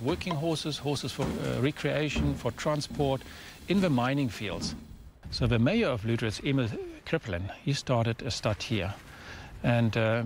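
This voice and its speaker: A middle-aged man explaining history in a documentary interview, recorded outdoors. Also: medium pitch. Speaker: foundation chairman, local history expert. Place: outdoors in open desert beside ruins. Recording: outdoor interview with background noise.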